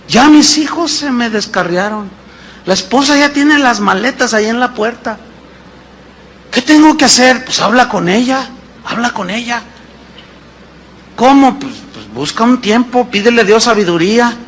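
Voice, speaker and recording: High, bright-voiced pastor in his fifties. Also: a little hiss or hum. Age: 50s. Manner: animated preacher asking rhetorical questions. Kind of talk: sermon.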